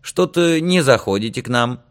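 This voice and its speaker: A man's voice: medium pitch, expressive, moderate pace, voice pushed up, lightly acted. A man voicing a talkative middle-aged aunt in an audiobook, chattering in a raised sing-song voice. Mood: fretful.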